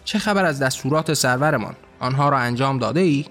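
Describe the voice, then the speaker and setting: A man's voice: mid-range voice, fairly bright tone, faint music behind, lightly acted. A man voicing a stern male angel who snaps curt, scolding orders in a storybook reading.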